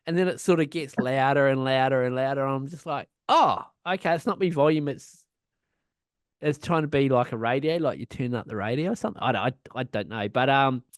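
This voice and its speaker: A man's voice: medium pitch, fairly quick, smooth, no echo, clean studio sound. A man co-hosting a punk podcast in casual chat, rambling, swearing a lot and laughing often. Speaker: podcast co-host.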